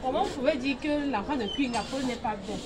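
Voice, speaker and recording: A woman's voice: sits high, fast talker, crowd noise, noisy background. Proud, defiant woman chatting. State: pregnant. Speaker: guest, newly married woman. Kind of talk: casual chat.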